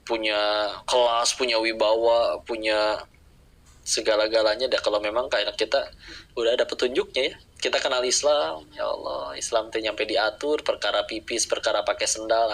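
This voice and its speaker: A man's voice: on the low side, steady tone, normal speed, fairly bright tone, rough recording. A man preaching a sermon to a live audience, asking questions and answering them himself, acting out little dialogues.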